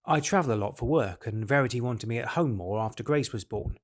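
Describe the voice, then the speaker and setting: This audio drama features a man with a mid-range voice speaking fairly fast with light acting. His character is a patient, resigned middle-aged husband and dad, and his confessional monologue and dialogue come out tired and matter-of-fact.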